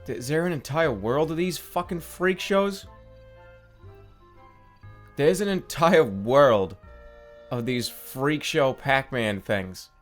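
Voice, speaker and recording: A man's voice: medium pitch, lively intonation, slow, pauses often, soft background music. A man giving casual gameplay commentary in a sarcastic, incredulous, foul-mouthed way. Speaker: gaming video host.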